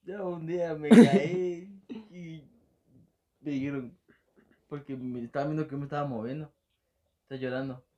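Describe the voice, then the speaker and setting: A young man chatting casually, slangy, with loud bursts of laughter. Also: a little high, steady tone, unhurried, pauses often, lo-fi sound. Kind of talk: casual chat.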